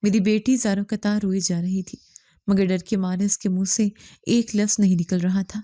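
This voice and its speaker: A woman narrating a dramatic first-person family story in an earnest, measured way. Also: mid-range voice, flat delivery, dark tone, dry recording, clean studio sound.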